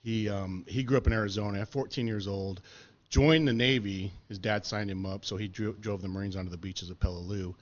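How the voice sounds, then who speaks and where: A middle-aged man spinning stories on a podcast, easygoing and full of swearing and "you know"s. His voice sits fairly low. The audio is a bit dull and lo-fi. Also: steady tone, brisk. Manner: laid-back, profane, filler-heavy. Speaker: podcast interviewee. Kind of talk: casual storytelling chat.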